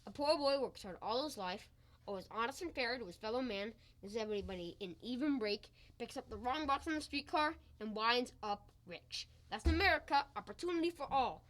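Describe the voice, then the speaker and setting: A woman's voice: fairly high pitch, expressive. A girl playing a blustering boastful husband. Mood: scheming. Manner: loud, exclamatory, quick to boast and bicker. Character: blustering boastful husband, excitable get-rich schemer. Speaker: school radio play actor. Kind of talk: old-time radio comedy acting.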